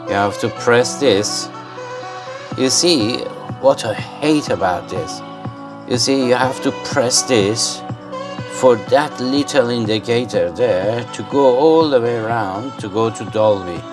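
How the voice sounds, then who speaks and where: Over background music, a man with a mid-range voice speaks slowly. The gadget reviewer is demonstrating a product hands-on at his desk indoors, in a casual, rambling way, muttering to himself as he works.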